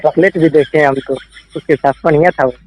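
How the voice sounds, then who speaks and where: A man's voice: fairly high pitch, fairly even intonation, brisk, a little mellow. A man, heard over a phone call, stammering and eagerly agreeing as the target of a prank call. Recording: dull, noisy phone line.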